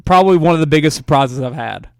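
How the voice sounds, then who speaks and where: Easygoing man with a slightly higher voice. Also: lively intonation, fast talker, creaky, a little mellow, smooth, no echo, clean studio sound. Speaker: podcast co-host. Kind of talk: casual chat.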